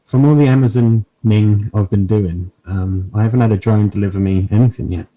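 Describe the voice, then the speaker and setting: A man's voice: on the low side, brisk, dark tone, highs cut off. A man chatting casually as a podcast host, with dry, self-deprecating, sweary humour. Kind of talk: casual comic chat.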